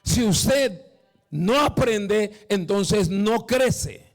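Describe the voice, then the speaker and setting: A man preaching a sermon as a pastor. He keeps asking "¿verdad?", calls the crowd "mi hermano" and builds up to shouting. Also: high voice, animated, drawn-out words. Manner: emphatic, peppered with "¿verdad?" and "mi hermano".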